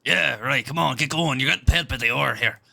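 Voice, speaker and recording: Guy, super gravelly voice, really bright and cutting, cranky and swearing nonstop in a game roleplay. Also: mid-range voice, brisk. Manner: gruff, swears constantly, impatient. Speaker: roleplay player in a job interview.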